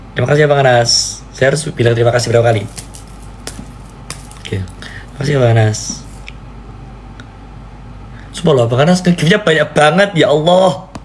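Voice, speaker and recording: Guy chatting on a live stream, playful and mock-begging, squeaky yelps now and then, average pitch, faint hiss behind. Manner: playful, mock-pleading, jumps to squeaky high cries. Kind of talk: casual live-stream chat.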